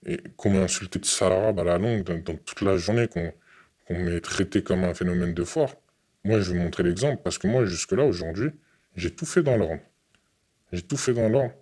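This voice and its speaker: A young man from France giving an earnest, halting interview testimony, often repeating his words. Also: deep voice, a little mellow.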